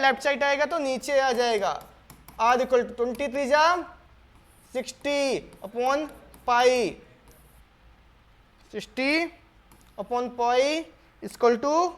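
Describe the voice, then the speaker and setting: A man's voice: extremely high pitch, fairly bright tone. A man teaching a board exam maths lesson step by step. He asks his students questions, answers them himself, repeats key steps and calls them "beta" in a patient, coaxing way. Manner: reads the English question slowly, word by word.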